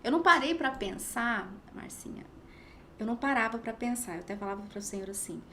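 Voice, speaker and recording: A woman's voice: a little high, expressive, fairly quick, fairly bright tone, a little hiss or hum. A woman in her thirties in a casual faith podcast chat, telling her story animatedly and dropping to a whisper when she quotes scripture. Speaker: podcast guest sharing her testimony.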